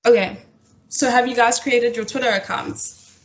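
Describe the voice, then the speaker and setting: A young woman facilitating an online coding workshop over a video call, often pausing with fillers and restarting her sentences. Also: on the high side, fairly even intonation. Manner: hesitant, lots of fillers and restarts. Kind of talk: live online coding tutorial.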